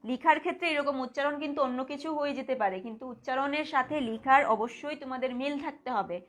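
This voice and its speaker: Bangladeshi woman teaching slowly. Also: sits high, fairly bright tone. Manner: patient, repeats words slowly, asks the class questions. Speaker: primary school teacher. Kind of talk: live online grammar lesson.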